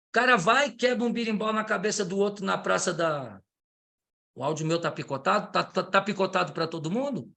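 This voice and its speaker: Brazilian male capoeira teacher, high voice, eager online lecture, video call audio. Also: creaky, a bit bright. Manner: enthusiastic, gets carried away. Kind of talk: online training talk.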